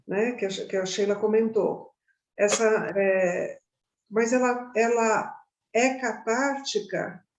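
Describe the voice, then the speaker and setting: A woman teaching a meditation class in a conversational way, often checking in with her listeners. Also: a little high. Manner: conversational, frequent tag questions. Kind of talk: informal class talk. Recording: roomy echo.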